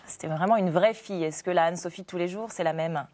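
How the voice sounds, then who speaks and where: A woman's voice: on the low side, fast talker, darkish tone. A woman hosting an interview, asking playful, teasing questions in a casual tone. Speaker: interview host.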